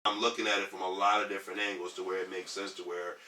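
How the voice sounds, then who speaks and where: A man's voice: sits low, flat delivery, fast talker, bright, forceful tone, distant mic. A man in his thirties from Detroit, a podcast guest talking earnestly in casual conversation, rambling with lots of ums and restarts. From Detroit, US Midwest. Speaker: podcast guest, community organizer. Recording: echoey room, off the mic.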